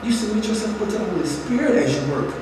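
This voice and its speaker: A man's voice: high voice, expressive, fast. A young man preaching a sermon from a pulpit, earnest and direct, repeating phrases for emphasis. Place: large church sanctuary. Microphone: pulpit mic, filmed from far back in the pews. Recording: echoey hall from far off, audible noise.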